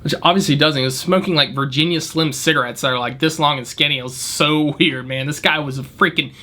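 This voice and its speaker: Animated, bright-voiced man telling a story. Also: fairly high pitch, brisk. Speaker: valet worker telling a story. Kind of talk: casual storytime vlog.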